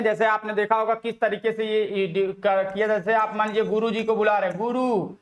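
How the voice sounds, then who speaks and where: A male Hindi grammar teacher with a high-pitched, slightly bright voice gives an exam-prep lesson in a roomy-sounding space. He poses rhetorical questions, answers them himself, and draws out example syllables.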